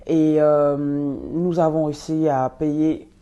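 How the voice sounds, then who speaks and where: A young woman who grew up in Belgium and was born in Congo, answering interview questions with many pauses and fillers. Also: sits low, flat delivery, dark tone, muffled recording. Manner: hesitant, many fillers and restarts. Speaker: guest, nonprofit co-founder.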